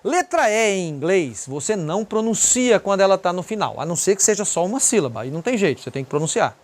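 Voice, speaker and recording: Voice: mid-range voice, big pitch swings. Brazilian English teacher explaining pronunciation. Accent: Brazilian Portuguese. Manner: explanatory, repeats example words slowly, points to written examples. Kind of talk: pronunciation lesson.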